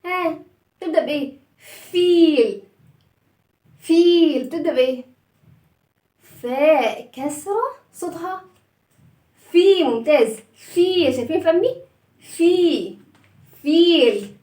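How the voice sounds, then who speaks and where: Woman, Egyptian Arabic accent, children's phonics teacher, high voice, sing-song, roomy echo, a bit off-mic. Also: lively intonation, a little mellow, far from the mic. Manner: sing-song, drawn-out letter sounds, frequent praise. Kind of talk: storytelling phonics lesson for children.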